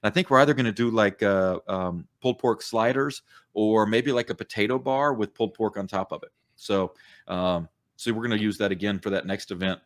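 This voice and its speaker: On a church podcast he co-hosts, a middle-aged man who works as a church coach explains concepts in a reflective, chatty way, with many fillers. His voice is on the low side and his delivery brisk.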